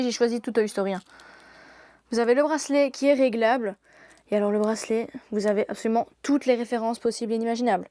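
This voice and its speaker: High-pitched young woman, gushing live-stream seller, laughs a lot. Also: darkish tone, dry recording. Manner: enthusiastic, gushing, laughs often. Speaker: shop saleswoman presenting products. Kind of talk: live-stream product showcase.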